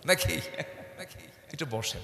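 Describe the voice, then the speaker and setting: A man's voice: takes it slowly, sharp tone, reverberant, big-room sound. A male preacher gives a sermon at an outdoor religious gathering, chanting verses and calling out to the crowd for answers. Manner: call-and-response with the crowd, chanting Quranic verses. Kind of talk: waz sermon.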